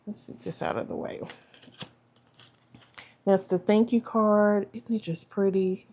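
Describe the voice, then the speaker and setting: Her voice is mid-range and dark, her pace measured, as this planner vlogger casually chats through opening a subscription box. She says "y'all" and often trails off before restarting.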